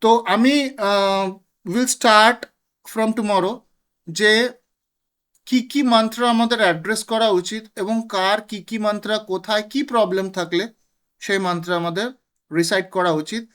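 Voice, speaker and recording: A woman teaching astrology in an explanatory lecture, slow and deliberate, switching between two languages. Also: mid-range voice, fairly even intonation, a bit bright.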